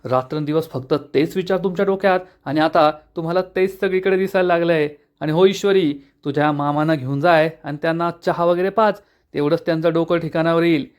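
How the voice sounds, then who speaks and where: A man's voice: a little high, fairly quick, smooth, close to an everyday voice. A man voicing an irritated middle-aged aunt in a retold TV serial, scolding her husband.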